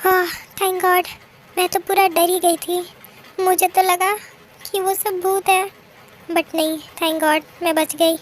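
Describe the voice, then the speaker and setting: Girl doing a scared young woman muttering to herself, super high-pitched, pleady. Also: little pitch movement, slow pace, a little hiss or hum. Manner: anxious, pleading, talking to herself. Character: timid young woman, easily scared at night.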